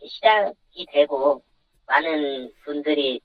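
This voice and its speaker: Pitch-shifted anonymous voice on a dull phone line. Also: takes it slowly. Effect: voice disguised with a deep pitch shift. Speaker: anonymous interview guest. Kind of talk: phone-in news interview.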